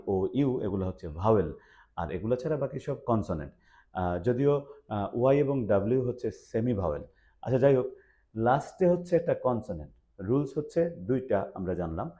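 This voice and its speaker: Lively, emphatic male teacher. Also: medium pitch. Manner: lively and emphatic, with frequent "ah" fillers. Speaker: English teacher. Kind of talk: explaining spelling rules in Bengali. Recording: dull lo-fi recording.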